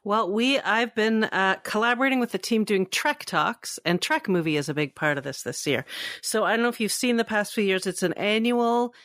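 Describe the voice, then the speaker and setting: A woman co-hosts a fan podcast, chatting informally and enthusiastically in a mid-range, slightly bright voice with lively intonation at normal speed. The recording is clean studio sound with no room noise.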